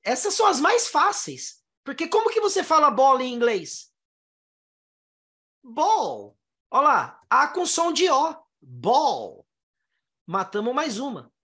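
A fairly high-pitched teacher from Brazil walks her students through English vowel sounds. Her voice swings widely in pitch as she sounds out words syllable by syllable. She keeps asking the class questions to hold their attention. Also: sing-song, sharp tone. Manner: explains step by step, sounding out syllables slowly; asks the listener rhetorical questions. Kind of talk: classroom lesson explaining pronunciation.

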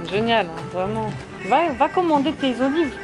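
Fairly high and sing-song at a moderate pace, a young French vlogger in her twenties jokes and laughs through a casual travel chat in the streets and a supermarket. Background music mixes with noisy street and shop sounds, recorded both indoors and outdoors on a handheld camera held low at arm's length.

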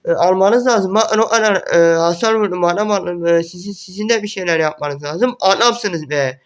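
A young man giving excited gameplay commentary, repeating words in quick bursts as the match unfolds. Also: sits high. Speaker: gaming YouTuber.

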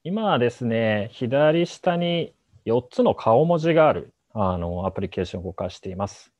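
A man's voice: mid-range voice, very animated, normal speed, darkish tone, dry recording. A man, a startup co-founder, giving a polite, hedging presentation in an online talk, with many fillers. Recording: muffled dry call audio.

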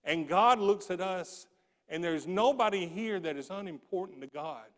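A man's voice: sits high, expressive, moderate pace, fairly bright tone. A middle-aged man preaching a sermon from a pulpit mic in a large church sanctuary, in an earnest, emphatic way. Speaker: pastor. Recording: long church reverb.

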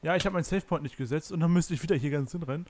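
A man's voice: on the high side, very fast, a little mellow, a little hiss or hum. A man giving casual gameplay commentary as a Let's Play host, muttering, cursing and stumbling as he reads in-game signs.

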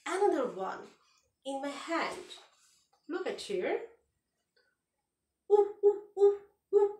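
Lively high-pitched teacher. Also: female voice, reverberant, distant mic. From Bangladesh. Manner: slow, sing-song teacher voice, mimics animal sounds. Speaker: kindergarten teacher. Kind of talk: online class lesson for young children.

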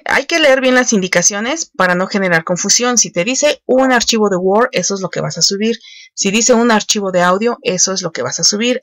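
Patiently, a woman walks learners through an online English lesson step by step, often pausing with fillers. Her voice is mid-range with a fairly bright tone, captured in a dry, close recording with no echo.

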